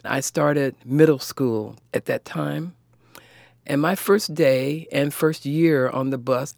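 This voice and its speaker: A woman's voice: extremely low pitch, vocal fry, a little mellow, no echo, clean studio sound. A woman from Kansas City, recalling her childhood in an earnest, frank way. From Kansas City, Missouri. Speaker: interviewee. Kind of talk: personal recollection.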